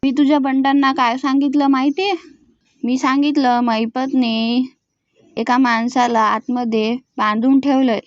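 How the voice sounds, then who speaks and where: Scheming sly man, voiced by a woman, high voice, dull lo-fi sound. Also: fairly even intonation, measured pace, dry recording. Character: scheming man bluffing about guards.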